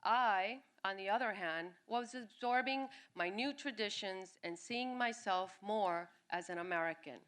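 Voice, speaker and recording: Born in Cuba and raised in New York City, a woman reads her own personal essay at a live storytelling event in a music venue. Her clear, bright, middle-pitched voice is expressive and unhurried with few pauses, and she briefly acts out quoted family members.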